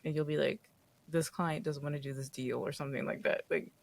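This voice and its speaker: A public school teacher in her twenties co-hosts a podcast with her husband, teasing him in casual, playful banter punctuated by quick laughs. Her voice is low, steady, creaky and a little mellow.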